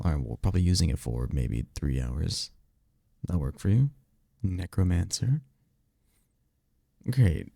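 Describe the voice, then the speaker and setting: Heavily acted and warm, a deep, gravelly male voice plays a teasing vampire mentor for roleplay audio, recorded close and dry. His slangy, conversational delivery stays casual and upbeat, carrying the cocky ease of a onetime archmage.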